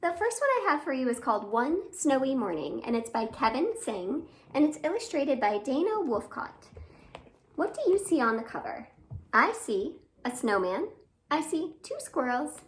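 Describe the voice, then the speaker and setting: Very animated and high-pitched, a library storytime host speaks at normal speed as she reads to young children. She sings a greeting and delivers an expressive read-aloud packed with exclamations and questions aimed at her audience.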